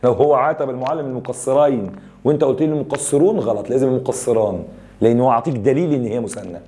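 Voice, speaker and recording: A young Egyptian-accented man teaching grammar with a mellow, warm tone. He walks through the rules step by step and keeps tossing quick questions to his students. His delivery has a lively classroom rhythm. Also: medium pitch, slight background noise. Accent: Egyptian Arabic.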